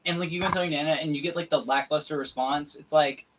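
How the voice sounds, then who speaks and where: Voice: mid-range voice, steady tone, quick pace, highs cut off, background noise. A livestream co-host chatting casually, joking and self-deprecating, with casual swearing.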